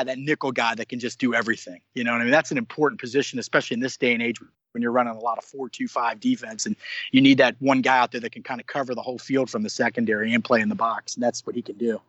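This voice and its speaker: A man's voice: on the high side, fairly bright tone, dry recording, lo-fi sound. A man reporting on college football recruiting in casual podcast chat, rambling and correcting himself as he goes. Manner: rambling, self-correcting, many restarts. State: hiccups.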